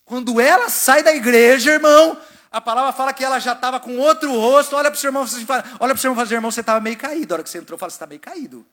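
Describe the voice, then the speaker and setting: A male pastor from Brazil preaching a sermon in a church, exhorting the congregation to call back and swinging between loud proclamation and quiet asides. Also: extremely high pitch, rapid-fire. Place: church sanctuary.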